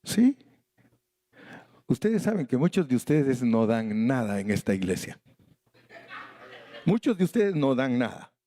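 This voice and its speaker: A man's voice: medium pitch, very animated, normal speed, long pauses, warm tone, no echo. An older man preaching a sermon as pastor, emphatic and acting out conversations with sudden jumps in his voice. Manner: emphatic preaching that acts out conversations, voice leaping up for stress.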